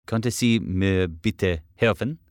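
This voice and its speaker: Male learner, very low voice, careful repeat-after-me reads, dry sound. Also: slow pace, no room sound. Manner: careful, repeats each phrase after the tutor. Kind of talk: repeat-after-me language practice.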